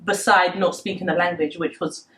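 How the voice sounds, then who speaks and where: This interview guest, a native Lingala-speaking woman from the Democratic Republic of Congo in her twenties, thoughtfully and tentatively recounts personal memories. Her voice is fairly low and a bit bright, with fairly even intonation and a moderate pace.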